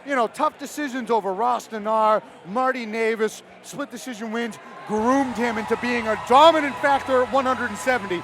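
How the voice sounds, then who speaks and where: High-voiced excitable male fight commentator. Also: normal speed, hardly any pauses, a faint crowd. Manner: excitable, hyped, emphatic. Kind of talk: live MMA commentary. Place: cageside at a live fight event. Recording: noisy live venue ambience.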